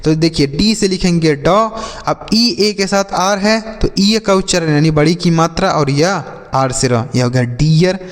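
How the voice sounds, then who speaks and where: A man's voice: a little high, a little slow, big-room sound. A male teacher giving a classroom-style phonics lesson, calling his viewers children and drilling each rule with repeated questions and answers.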